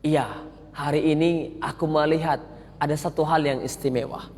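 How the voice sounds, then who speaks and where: A preacher voicing a gentle, wise old monk in a low, hushed tone, recorded in an echoey mosque hall. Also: male voice, fairly even intonation, moderate pace, close to an everyday voice. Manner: low hushed tender delivery.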